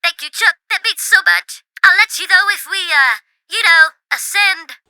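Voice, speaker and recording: A woman's voice: very high voice, animated, moderate pace, sharp tone, dry recording, studio quality, exaggerated voice. A woman playing a brazen, lovestruck radio caller with a sassy, confiding manner in a comedy audio drama. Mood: sassy, smitten.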